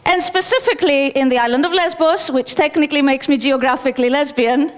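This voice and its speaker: A woman's voice: high voice, fairly quick. A woman from Greece in her thirties, giving a chatty technical conference talk with fillers and self-deprecating asides. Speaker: conference speaker. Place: conference hall stage. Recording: long reverb of a large hall.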